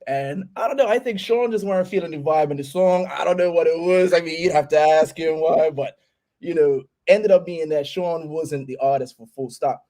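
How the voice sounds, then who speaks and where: A man's voice: on the high side, moderate pace, warm tone. A man with a Bermudian accent telling a story casually as a DJ and producer guest on a talk show. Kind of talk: casual interview chat, storytelling.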